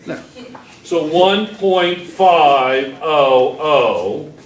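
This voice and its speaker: Speaking extremely slowly in an expressive, high-leaning voice, a middle-aged man leads a chemistry lesson at the whiteboard. He keeps encouraging students and questioning them as he goes through problems, recorded by a far-off camera in a roomy classroom.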